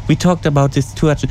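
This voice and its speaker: A male radio host with a slightly high voice talks casually on location. His phrasing is halting and non-native, and clear noise sits behind him. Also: warm tone. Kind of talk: casual on-site radio interview. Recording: clearly noisy camp background.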